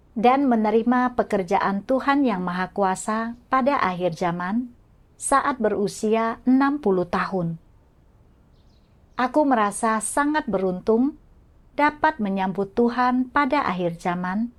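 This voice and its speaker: A woman reading a faith testimony aloud as scripted devotional narration, in a slow, measured and even manner. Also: medium pitch.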